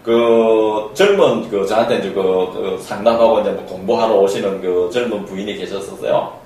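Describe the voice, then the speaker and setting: A man's voice: lowish voice, normal speed, darkish tone. A man giving a spoken lecture as a counselor, emphatic and repetitive, acting out the voices he quotes. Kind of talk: spoken lecture on human nature. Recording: very echoey room, from far off.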